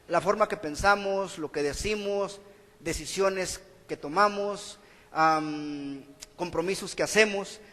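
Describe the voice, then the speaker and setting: A man's voice: high voice, big-room sound. A man preaching a sermon in church, earnest and exhorting. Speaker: pastor. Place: church hall.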